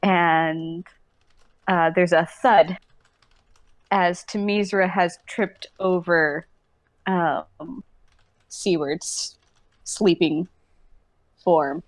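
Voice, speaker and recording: A woman narrating a tabletop game as game master, thinking aloud with hesitant pauses. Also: fairly low pitch, steady tone, dry recording.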